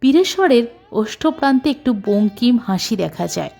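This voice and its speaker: Expressive woman reading a story. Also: a little high, normal speed, creaky. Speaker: story reader. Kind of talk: storybook narration.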